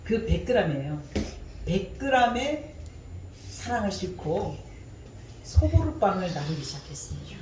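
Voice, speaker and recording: A woman's voice: mid-range voice, big pitch swings, measured pace, long pauses, a little mellow, roomy sound, recorded from a distance, a little hiss or hum, low-quality recording. A woman giving a personal testimony during a church service, telling her story vividly and often laughing.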